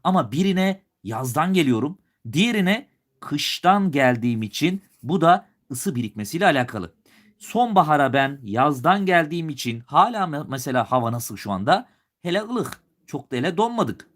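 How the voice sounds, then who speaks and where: A man's voice: on the high side, very animated, moderate pace, fairly bright tone. A male teacher from Turkey giving a live exam review lesson, with a slight regional lilt he puts on at times. He talks students through each question, asking and answering himself as he goes. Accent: Turkish, with a regional lilt he puts on at times.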